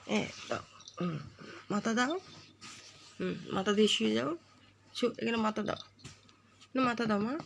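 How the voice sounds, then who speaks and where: A woman, talking softly and slowly to her pet in a home vlog. Her voice has a gravelly fry to it. She coaxes and dotes in baby-talk, then turns to tell her viewers what the animal is doing. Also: mid-range voice, slight background noise.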